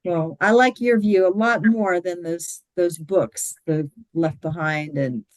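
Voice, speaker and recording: A woman's voice: lowish voice, takes it slowly, no room sound. A woman taking part in a casual church class discussion on a video call, hesitant and searching for words. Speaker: class participant.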